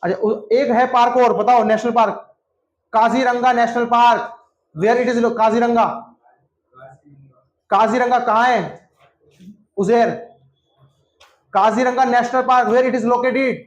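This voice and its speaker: A man's voice: extremely high pitch, flat delivery, slow pace, long pauses, dull audio. A man teaching a classroom lesson, repeating answers over and over and quizzing students by name. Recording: echoey classroom.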